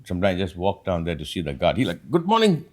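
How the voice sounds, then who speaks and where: A man hosting a reflective talk, an animated storyteller who acts out quotes as he rambles through his points. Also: low voice, racing. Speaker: podcast host.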